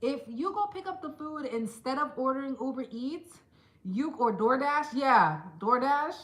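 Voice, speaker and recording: A woman vlogger chatting casually to camera, telling stories in an animated way and putting on quick voices for the people she quotes. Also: sits high, roomy sound, poor audio. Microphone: small handheld camera.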